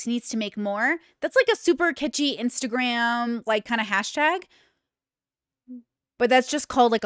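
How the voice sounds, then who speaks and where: A woman's voice: fairly high pitch, no echo, clean studio sound. A woman in her thirties hosting a podcast, reacting candidly and emphatically to clips in casual commentary from a small home room on a desk microphone. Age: 30s. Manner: chatty, candid, emphatic asides. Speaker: podcast host. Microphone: desk mic on boom arm with earbuds.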